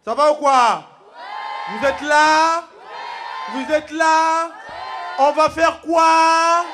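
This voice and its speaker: A man from the Congo doing loud, joking stand-up comedy on a TV stage, laughing through his lines. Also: very high voice, steady tone, very slow, a crowd in the background, noisy background. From Democratic Republic of the Congo. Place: TV studio stage with a live audience.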